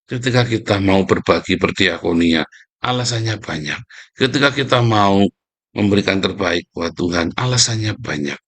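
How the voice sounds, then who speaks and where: A man preaching a casual devotional sermon, scolding and mocking his listeners in a lively way. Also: low-pitched, normal speed, slightly rough.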